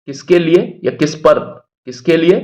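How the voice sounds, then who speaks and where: A man's voice: on the high side, animated, a little slow, darkish tone. A man teaching English grammar, who explains patiently, repeats key words and answers his own questions. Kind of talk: Hindi-medium English grammar lesson.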